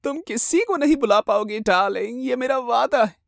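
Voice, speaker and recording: A man voicing an unhinged, jealous woman who taunts with slow, drawn-out menace in a horror storybook narration. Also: very high voice, animated, creaky, fairly bright tone, dry recording, clean studio sound, voice pushed up, heavily acted. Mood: crazed, taunting. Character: unhinged jealous knife-wielding woman, shrill.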